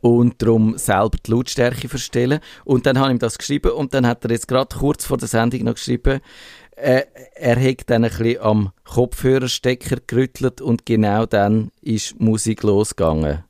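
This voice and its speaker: A man's voice: mid-range voice, normal speed, a little mellow, no echo, studio quality. A man with a Swiss German accent co-hosting a casual tech radio chat, chatty and hesitant, laughing often. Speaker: radio tech show co-host.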